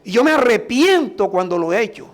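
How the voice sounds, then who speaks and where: A middle-aged man from Colombia, a pastor preaching a sermon with emphatic, drawn-out phrases and prayers. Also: high voice, very animated.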